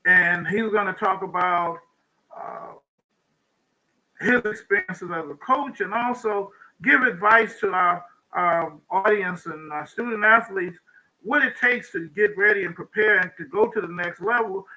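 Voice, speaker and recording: A man hosting a talk show, interviewing a guest in a halting way, often repeating words and laughing. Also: high voice, bright, forceful tone, rough recording. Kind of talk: interviewing a guest over video call.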